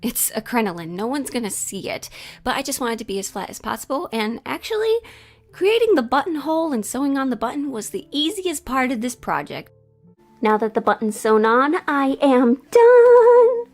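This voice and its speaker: Fairly high-pitched and lively, speaking a little fast, a sewing vlogger hosts her video with jokey, self-deprecating chat, switching between offhand asides and scripted narration.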